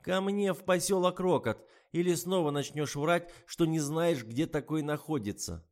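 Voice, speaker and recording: Man voicing a shrill, bullying old blackmailer woman. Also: natural voice. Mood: shrill accusing. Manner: shouting, accusing, drawn-out. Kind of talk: audiobook reading.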